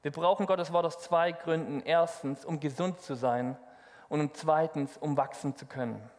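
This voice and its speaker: A man preaching a sermon, lively and speaking directly to the congregation. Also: a little high, unhurried. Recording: long hall reverb.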